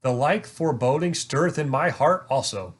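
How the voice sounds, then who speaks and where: A man's voice: a little high, expressive, moderate pace. A man voicing an earnest, curious young king in a storybook, speaking in formal, archaic courtly language. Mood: haunted wonder. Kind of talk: storybook read-aloud.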